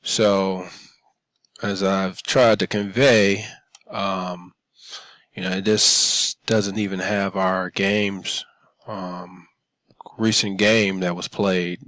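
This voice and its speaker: A man, a student, talking over his own screen recording at a computer microphone, halting, with many ums and restarts. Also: low voice, little pitch movement, fairly bright tone, dry recording. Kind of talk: narrating a screencast demo.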